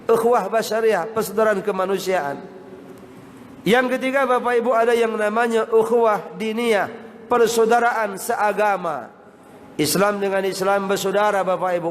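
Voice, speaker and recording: High-voiced male preacher in a hall. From Indonesia. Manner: addresses the audience constantly as Pak and Bapak Ibu. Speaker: Islamic preacher. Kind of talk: sermon. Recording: hall reverb with faint noise.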